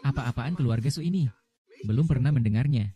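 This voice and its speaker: A man voices a dubbed short drama, reading every character's lines himself. His tone is very dark and mellow, and he keeps much the same voice from role to role. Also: medium pitch, lively intonation, a little fast, highs cut off.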